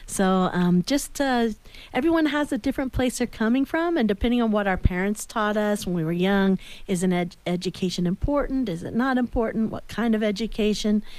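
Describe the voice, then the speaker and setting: American woman, middle-aged talk radio host. Earnest, explanatory delivery, medium pitch, close and dry studio sound. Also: a little fast, a little mellow, no echo. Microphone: studio boom microphone with headphones.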